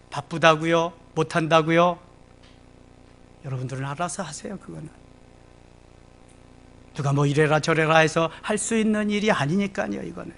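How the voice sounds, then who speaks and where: A middle-aged male pastor delivering a Sunday sermon in a high, ringing voice. He preaches emphatically and slips into acted prayers and bits of dialogue. His tone is bright and forceful.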